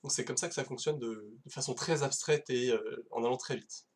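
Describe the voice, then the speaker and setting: A man's voice: medium pitch, fairly quick. A man giving a casual live-streamed technical talk, hesitant, with many fillers and restarts. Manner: casual, self-deprecating. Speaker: conference speaker.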